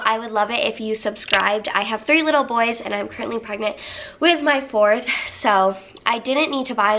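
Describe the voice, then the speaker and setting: A young woman vlogger with a fairly high, fairly bright voice sounds congested and nasal from a cold, with a little hiss or hum. Sitting on her living room floor, she cheerfully shows off baby items in a casual haul video, chatty, upbeat and laughing often. She's first filmed by a camera held at arm's length, then by one across the room.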